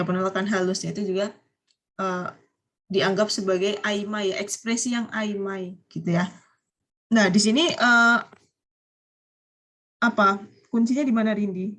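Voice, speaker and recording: Teaching vocabulary over a video call, a woman explains things patiently and keeps putting questions to her students. She mixes Japanese words into what she says. Her voice sits at a medium pitch.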